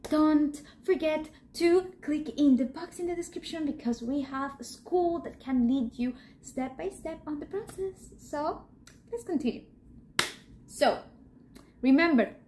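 A Colombian woman, a native Spanish speaker, teaching a Spanish lesson in English, modelling phrases slowly and cheering the learner on. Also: sits high, a little mellow. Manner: encouraging, slow and clear demonstrations. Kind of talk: interactive language lesson.

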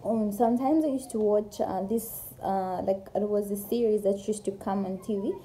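Filmed on a phone camera at arm's length in a small room, this young Zambian YouTuber chats through a casual get-to-know-me vlog, rambling and using plenty of fillers. She speaks at medium pitch and a moderate pace with fairly even intonation and a dark tone; the low-quality recording carries slight background noise.

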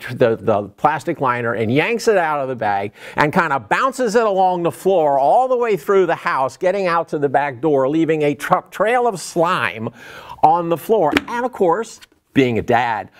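Lively middle-aged man teaching children. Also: fairly high pitch. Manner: animated storytelling, acts out quotes. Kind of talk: recorded Bible lesson for children.

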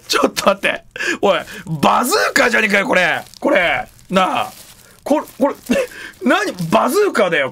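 A man streaming live, chatting casually in rough slang with loud exclamations while he handles and examines an object. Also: sits high, a little hiss or hum.

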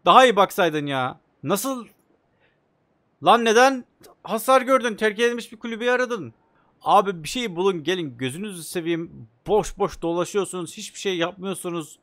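A young man playing a video game, commenting excitedly and joking as he talks to the characters on screen. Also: high-pitched, fairly quick. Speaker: gaming YouTuber. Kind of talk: let's play commentary.

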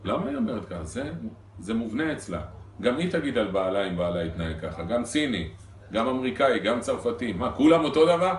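A male rabbi teaching a congregation, keeping it lively with rhetorical questions to his listeners. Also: mid-range voice, slight background noise. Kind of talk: Torah lesson to a congregation. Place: synagogue hall. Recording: echoey hall recorded from a distance.

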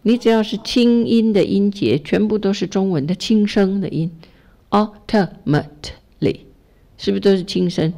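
A woman's voice: medium pitch, fairly quick, creaky, hardly any pauses, dark tone. A middle-aged woman from Taiwan teaching a class, chatty and encouraging, full of fillers as she models pronunciation for her students. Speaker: English teacher leading a Buddhist study class. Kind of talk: casual classroom coaching.

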